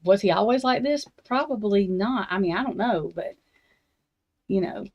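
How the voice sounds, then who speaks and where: A woman rants in a loose, rambling monologue, blunt and heavy with cursing, her thoughts breaking off and restarting. Her pitch sits in an ordinary middle range. The sound is a little dull and lo-fi. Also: expressive, moderate pace, darkish tone. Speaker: true crime talk host. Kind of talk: casual ranting monologue.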